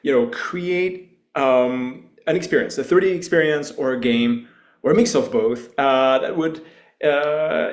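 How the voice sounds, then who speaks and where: A man with a French accent, hosting a hackathon launch call in a relaxed, hesitant way with many fillers. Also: medium pitch. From France. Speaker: hackathon organizer and host. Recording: roomy echo.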